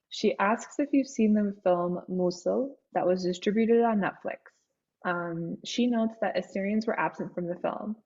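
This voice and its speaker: A woman moderating a panel, politely reading out audience questions. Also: medium pitch. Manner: polite, reads questions aloud. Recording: muffled sound.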